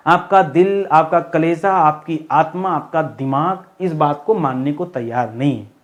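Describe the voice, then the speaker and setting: A young male Hindi teacher giving an exam-prep grammar lesson, asking questions and answering them himself, repeating words slowly and firmly. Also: fairly high pitch.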